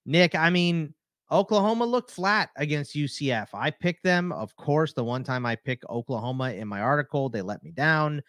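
Bright-voiced man hosting a football podcast. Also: fairly high pitch, animated, normal speed, no room sound, studio quality. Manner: easygoing, moves the show along. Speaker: podcast host. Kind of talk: casual sports chat.

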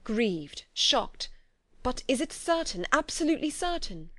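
A woman reading the lines of a concerned gentleman in an earnest, gentle manner. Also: high-pitched, sing-song, a little slow, dry recording, pitched above the performer's own voice, heavily acted.

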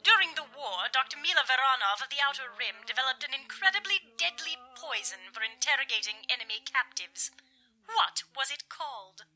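Piercing, high-pitched gloating schoolmistress villain. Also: female voice, very animated, fairly quick, sharp tone, heavily acted, poor audio. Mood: mock-polite. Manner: mock-polite, theatrical, condescending. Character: gloating, schoolmistress-like female villain running deadly tests. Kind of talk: audio drama villain acting.

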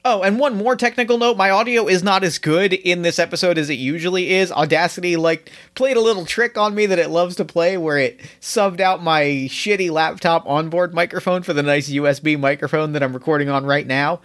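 A man's voice: sits high, fairly quick, few pauses, fairly bright tone. A man hosting a podcast, talking in an enthusiastic, effusive and informal way as he introduces the show. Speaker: podcast host. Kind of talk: casual podcast introduction and interview.

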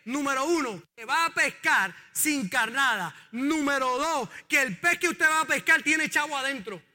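High, bright-voiced preacher man. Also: long reverb tail. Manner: animated preaching, calls on the congregation to repeat lines. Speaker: pastor. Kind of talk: sermon.

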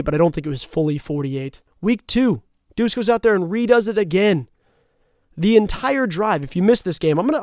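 High-voiced excited sports talk host. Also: male voice, no room sound, clean studio sound. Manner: excited and emphatic, quick asides.

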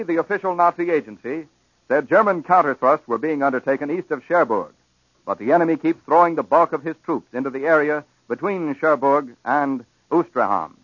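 An American man reading wartime news bulletins in a formal, measured 1940s radio newsreel manner, on an old broadcast recording. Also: a little high, fairly bright tone, no echo, highs cut off. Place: radio news studio, dry sound.

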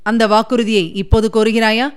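A woman reading the part of a young prince who speaks calmly and reassuringly to his beloved. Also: on the high side, brisk, smooth, lightly acted. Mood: tender. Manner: calm, reassuring.

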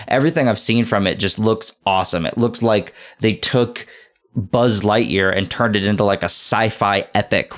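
A young man hosting a podcast, rambling through casual commentary with many fillers and restarts. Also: on the low side. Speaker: podcast host.

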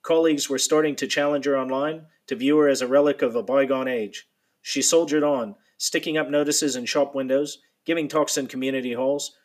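A man reading a nonfiction account aloud in a steady, measured storytelling manner. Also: on the high side. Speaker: narrator.

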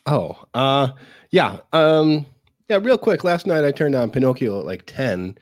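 A man who sounds slightly hoarse and sick with a cough, giving halting, emphatic, sweary film reviews in casual chat. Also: medium pitch, very animated, dry recording, studio quality. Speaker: podcast co-host.

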